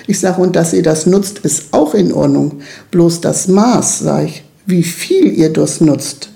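Speaking at a measured pace, a middle-aged woman in charge of a children's club gives an earnest, emphatic interview, often adding "ne?" to check in. Her voice is lowish, expressive, creaky and dark.

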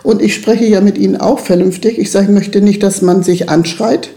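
A woman's voice: medium pitch, fairly even intonation, moderate pace, vocal fry, warm tone. A middle-aged woman leading a children's club, talking earnestly and emphatically in an interview, often checking in with "ne?". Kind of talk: interview conversation.

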